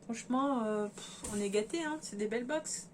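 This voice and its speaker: Chatty, hesitant woman with a higher voice. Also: normal speed, a little hiss or hum. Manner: hesitant, thinking aloud with many fillers; chatty, addresses viewers directly. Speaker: sewing vlogger. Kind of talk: casual fabric haul vlog.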